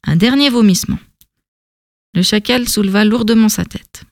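Brief: female storybook narrator, measured, even-paced delivery, mid voice, dry studio sound. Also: mid-range voice, dry recording. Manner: calm, measured reading.

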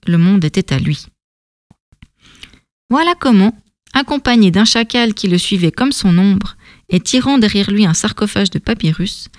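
Brief: female storybook narrator, measured, even-paced delivery, mid voice, dry studio sound. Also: mid-range voice, dry recording. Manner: calm, measured reading.

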